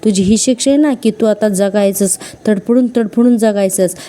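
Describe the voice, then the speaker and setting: A woman reading out the threats of a furious young woman avenging her family, in a menacing, deliberate way. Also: mid-range voice, dark tone, lightly acted. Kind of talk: quoted lines in a serial recap.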